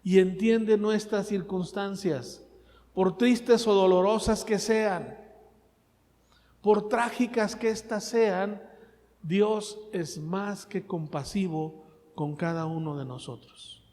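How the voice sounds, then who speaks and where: A man preaching a sermon, asking the congregation questions and swinging between loud and soft. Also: high-pitched, takes it slowly, big-room sound. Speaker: pastor.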